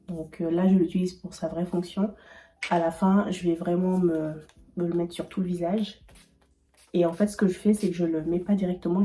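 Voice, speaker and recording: A beauty vlogger in her twenties, who has a cold, chats casually while doing her makeup. Her voice is lowish and dark, and she rambles with lots of fillers and restarts.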